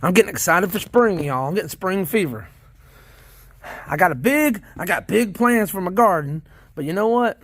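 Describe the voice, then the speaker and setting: Speaking at a moderate pace, a man with a high, animated voice and a Southern US accent chats casually about his worm bins for his vlog audience. The recording has no echo. His folksy rambling is full of repeated phrases and restarts.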